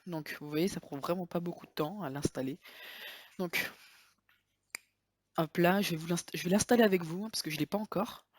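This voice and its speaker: Hesitant woman giving a software tutorial. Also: lowish voice, moderate pace, long pauses. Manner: chatty, hesitant, fillers and self-corrections. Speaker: screen-recording tutorial maker. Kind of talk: casual software tutorial walkthrough.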